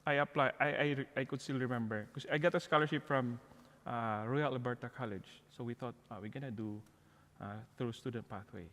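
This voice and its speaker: A middle-aged Filipino man, a parish outreach coordinator, chats as an interview guest and shares personal stories. His mid-range voice is fairly bright and steady, a little fast with few pauses. He stands before a church altar, and the large hall adds long, echoey reverb.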